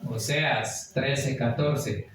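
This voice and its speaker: A man preaching a Bible study sermon, slowing and rising high as he reads scripture aloud. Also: fairly even intonation, a bit bright, slight background noise. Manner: rises sharply when reading scripture aloud, slow emphatic phrasing. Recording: echoey room, far from the mic.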